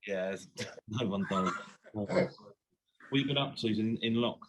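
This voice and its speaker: A man's voice: lowish voice, slow pace, background noise. A man hosting a casual interview, chatty and teasing, with playful jokes. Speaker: podcast host.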